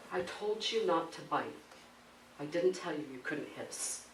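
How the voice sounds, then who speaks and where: A man's voice: on the high side, lively intonation, unhurried. A man voicing a wise, blunt traveling teacher while telling a story in a sermon, heard from a distance in an echoey room. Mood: dry. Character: wise traveling male spiritual teacher, friendly but blunt. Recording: roomy hall from a distance, faint background noise.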